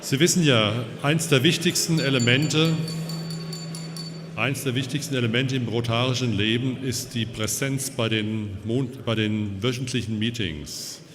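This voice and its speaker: A man's voice: medium pitch, moderate pace, crowd noise. A man making a casual announcement to a club meeting, repeating himself as he talks. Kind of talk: public announcement. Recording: long hall reverb.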